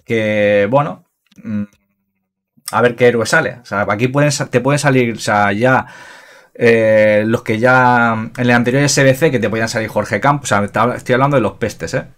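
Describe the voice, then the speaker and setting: Excitable gaming youtuber. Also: male voice, mid-range voice. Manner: excitable, swears freely, talks in bursts with many fillers. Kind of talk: casual gameplay commentary.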